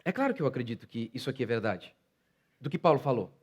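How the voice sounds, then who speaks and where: A man in his forties with a Brazilian Portuguese accent, a pastor giving a sermon who moves between quiet personal stories and loud impassioned preaching. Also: mid-range voice, fast talker. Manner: builds from calm storytelling to loud impassioned preaching.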